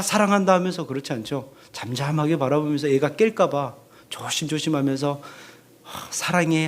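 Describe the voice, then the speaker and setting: A man preaching a Sunday sermon in a church, animated, acting out the voices of parents he quotes. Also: medium pitch. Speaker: pastor. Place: church sanctuary.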